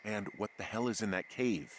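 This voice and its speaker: An actor playing a weary fire lookout with a dry, deadpan manner in a video game. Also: male voice, lowish voice, normal speed, natural voice. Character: weary, dry-humored man alone in the woods. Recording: game audio with forest ambience noise.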